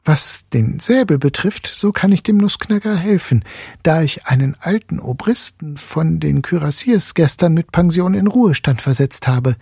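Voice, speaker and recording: A young boy speaks with grave self-importance, like a small commander, as a male reader puts him on. The voice is lifted higher than the reader's own and stays breathy and dry. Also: lively intonation, normal speed, darkish tone, no echo, exaggerated voice. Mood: self-important.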